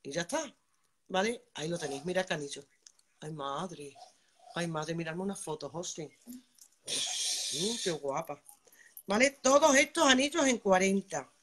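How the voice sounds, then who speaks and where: Chatty bright-voiced woman selling live. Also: on the low side, animated, a little slow, pauses often. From Spain. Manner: chatty, keeps asking "vale", greets viewers by name. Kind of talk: live-stream sales pitch.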